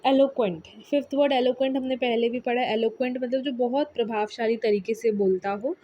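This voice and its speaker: A woman's voice: fairly high pitch, fairly even intonation, a little fast, muffled recording. A young woman teaching exam vocabulary in a casual lesson, explaining patiently and repeating key words. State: tired.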